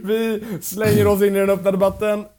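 A man moderating a playful podcast debate, announcing time and speakers with lively delivery. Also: high voice, over a noisy crowd.

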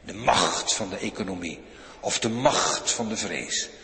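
A man's voice: low voice, a little slow, heavy background noise. Guy preaching a sermon, voice swings way up and down, lots of direct asides to the congregation, big church echo. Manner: animated, addresses the congregation directly, frequent "hè". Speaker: pastor. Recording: echoey church hall.

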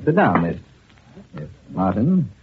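An actor playing a suave, wealthy gentleman detective who speaks with dry irony, in 1940s radio acting, on a tinny old radio broadcast. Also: fairly low pitch, sing-song, takes it slowly, breathy edge, full character voice. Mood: urbane. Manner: urbane, dryly ironic. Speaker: amateur detective.

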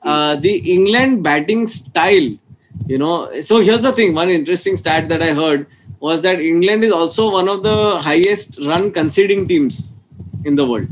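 A man with an Indian accent hosting a casual sports discussion in halting bursts, mixing Hindi into English. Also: high voice, rough recording. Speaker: podcast host. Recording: clear background noise with clicks.

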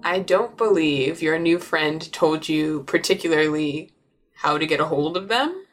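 Woman, low voice, game master, relaxed descriptive narration, fillers, faint background music. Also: unhurried.

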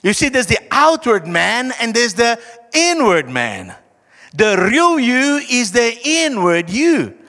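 A man with a broad South African accent preaching a conversational sermon, emphatic, with dramatic pauses and slowed, stressed phrases. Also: very high-pitched, sing-song, pushed and bright. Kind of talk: sermon, conversational Bible teaching. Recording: echoey hall with long reverb.

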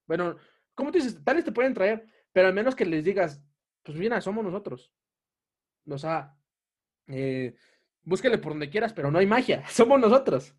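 A man's voice: sits high, big pitch swings, moderate pace, darkish tone. A young man with a Mexican Spanish accent, telling a story in a casual podcast chat and laughing often.

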